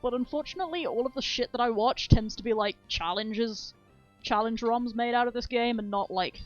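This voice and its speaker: A woman's voice: on the high side, a little fast, dull audio, faint music behind. A woman streamer chatting casually and rambling enthusiastically about speedrun details, swearing freely. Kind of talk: casual game-stream chat.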